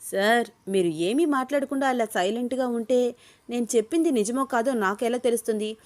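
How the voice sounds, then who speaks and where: A woman reading a story, voicing a lively, quick-tongued young woman who protests and insists. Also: fairly high pitch, close to an everyday voice. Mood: insistent.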